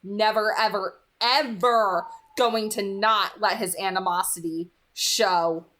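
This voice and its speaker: Slow and steady, this woman's slightly bright, medium-pitched voice carries casual book commentary as a read-aloud channel host. She rambles, stresses her points, and often repeats phrases to underline them.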